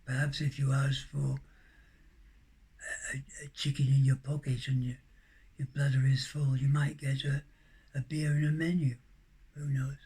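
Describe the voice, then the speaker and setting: A man hosting a monk's podcast, telling a rambling personal anecdote in a halting way, with restarts and occasional coughs. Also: mid-range voice, flat delivery, slightly rough. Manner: gentle closing blessing. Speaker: monk podcast host.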